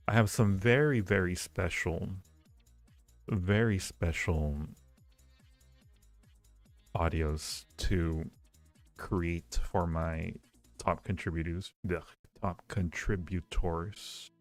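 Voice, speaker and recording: He's a livestream host with a deep voice who takes his time and leaves long pauses, casually flirting and joking with viewers while repeating his phrases. There's a roomy echo and faint background music.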